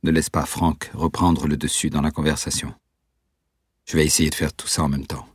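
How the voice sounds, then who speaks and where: Un jeune ami posé qui encourage avec calme, lu par un homme à la voix très grave et voilée. Prise de son sèche et proche, typique d'un livre audio. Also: male voice, a bass voice, moderate pace, slightly rough, no room sound, studio quality. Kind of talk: audiobook reading.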